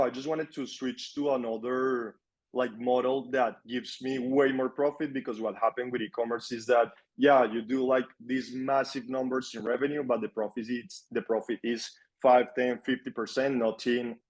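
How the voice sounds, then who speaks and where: A young Colombian agency owner, appearing as a guest, chats casually in an interview, relaxed and repeating words for emphasis. His voice is mid-range and his pace normal.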